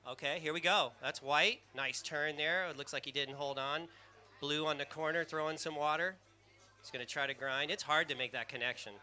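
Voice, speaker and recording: A man with a squeaky surfer voice calls a live surf contest, naming riders by their jersey colors. His tone is very bright and cutting, pitched a little above the usual, and he rambles along with eager excitement. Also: moderate pace, faint music behind.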